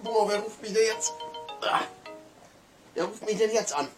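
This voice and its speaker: A man's voice: high-pitched, moderate pace, over music, lightly acted. A man playing the Witzbär, groggy and grumpy. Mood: grumpy, drowsy. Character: sleepy grumpy man, the Witzbär, woken by a phone.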